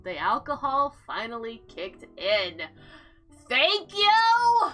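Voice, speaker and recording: High-pitched and fairly bright, the woman's voice swoops wildly as she speaks slowly. Playing a visual novel, she reads it dramatically and expressively with casual commentary, faint music playing behind her.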